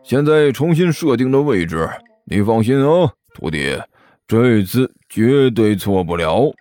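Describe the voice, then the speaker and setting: A man voicing a gruff, boastful middle-aged tomb-robber master who lectures slowly and grumbles at his apprentice. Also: mid-range voice, very animated, warm tone, dry recording, voice pushed down. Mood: lecturing.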